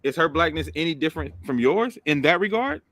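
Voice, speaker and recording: Bright-voiced man pressing a point. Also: fairly high pitch, expressive, fairly quick. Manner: persistent, probing questions, says "bro". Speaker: podcast host. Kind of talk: casual debate chat.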